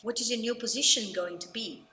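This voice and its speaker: A woman interviewer asking brisk, direct questions. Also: a little high, pushed and bright. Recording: echoey hall, faint background noise.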